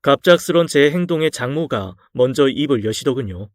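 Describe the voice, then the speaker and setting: A man narrating a scripted true-life story in a calm, measured way, recorded close and dry. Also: medium pitch, no room sound.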